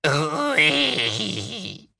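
A man voicing a wretched old male house-elf servant who croaks, stammers and wails in a high, slow voice. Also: huge pitch swings, pushed and bright, no room sound, studio quality, exaggerated voice. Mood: grim. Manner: wailing, high-pitched and slow.

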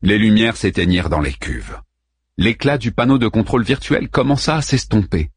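A man narrating an audiobook in an expressive reading. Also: on the low side, normal speed, husky, no room sound, clean studio sound. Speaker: audiobook reader. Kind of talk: scripted narration.

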